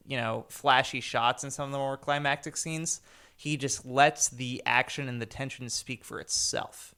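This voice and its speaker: A young man co-hosting a podcast, chatting casually about a movie and acting out scenes with sudden loud bursts. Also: medium pitch. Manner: animated, acts out scenes with sudden loud outbursts. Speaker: podcast co-host. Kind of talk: casual film discussion.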